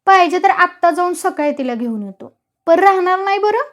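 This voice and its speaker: Storybook village brute, loud blustering threats, high voice played by a woman reader. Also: expressive, moderate pace. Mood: grumbling. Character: fierce hot-headed village strongman with an axe. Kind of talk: storytelling reading.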